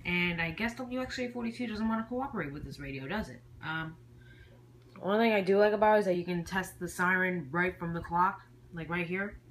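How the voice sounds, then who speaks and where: A mid-range, fairly bright voice talks fairly quickly. A YouTube hobbyist gives a casual, rambling show-and-tell of their collection, hesitating, trailing off and correcting themselves, on homemade camcorder audio with noticeable background noise.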